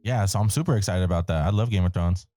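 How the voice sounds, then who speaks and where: A young man with a low, mellow voice hosts a casual podcast chat. He laughs a lot and swears freely, keeping things loose and joking. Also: fast talker, soft background music. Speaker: podcast host.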